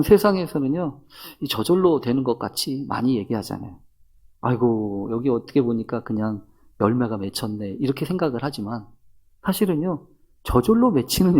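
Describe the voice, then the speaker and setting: A male pastor delivers a thanksgiving sermon conversationally, posing rhetorical questions and adding soft murmured asides. His voice is husky and medium in pitch.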